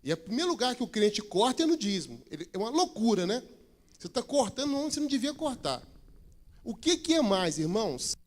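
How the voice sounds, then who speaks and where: A man's voice: very high-pitched, very animated, a little fast. A man, a regional pastor, makes church announcements in a chatty, joking manner and rises to emphatic preaching.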